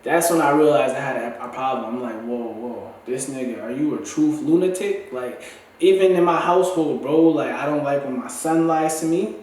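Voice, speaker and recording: Talking to his vlog viewers, a congested man with a dry throat rambles casually in loose slang, restarting often. His voice is medium-pitched and a little mellow at a normal speed, picked up by a distant mic in a very echoey room.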